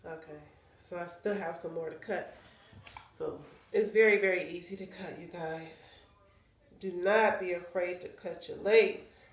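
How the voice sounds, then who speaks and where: A woman's voice: lowish voice, steady tone, unhurried, reverberant. A woman with a stuffy, nasal voice from sinus trouble, chatting casually to viewers while showing how she cuts and installs a wig. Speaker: wig seller demonstrating a wig install. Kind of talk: casual how-to vlog chat.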